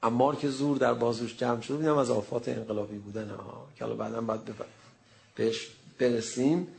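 Gravelly preacher guy telling a story in a sermon, acts out all the quotes, mid pitch. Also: a little hiss or hum. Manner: animated storytelling, acting out quoted speech.

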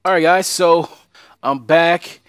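A man's voice: a little high, fairly even intonation, slow, clear, resonant tone, no echo, clean studio sound, soft background music. A young man casually commentating a video game he plays, joking and talking to his viewers. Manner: joking, chatty, talks to viewers. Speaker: let's play host.

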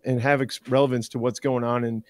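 A man's voice: medium pitch, little pitch movement, fairly quick, dry recording. A Canadian man in his thirties, a guest band director, chatting eagerly in a loose, rambling way with many restarts. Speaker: university director of bands, guest. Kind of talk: casual interview chat.

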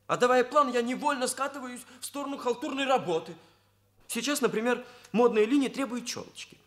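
Here the young male hairdresser of a Soviet radio play, earnest and aggrieved and speaking in pompous officialese, is voiced by a young adult actor. His voice is very high and fairly bright, and he talks a little fast.

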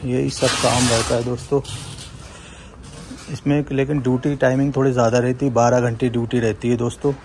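In his walking tour vlog, a young Indian man shows viewers around a large indoor supermarket, talking casually on a handheld phone and calling them "friends" again and again. His delivery is brisk, medium-pitched and fairly monotone, against a noisy background.

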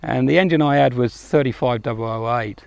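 Older male ex-driver, mid-pitched with vocal fry, rambling casual anecdotes, dry recording. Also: a little mellow, dry recording, dull audio. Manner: halting, rambling anecdotal telling. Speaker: former steam engine driver. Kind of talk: casual reminiscence.

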